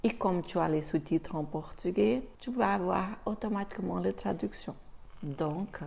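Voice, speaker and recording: A woman teaching a beginner French lesson, speaking slowly and demonstrating pronunciation with care. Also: lowish voice, creaky, a little mellow. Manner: slow, careful pronunciation demos.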